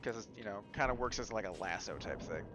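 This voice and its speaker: A man with a Southern accent chatting casually and swearing while playing a co-op game with a friend. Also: fast talker. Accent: American Southern. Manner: laid-back, swears, lively swings in pitch. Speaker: streamer playing co-op. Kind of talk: casual gaming chat. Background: game music.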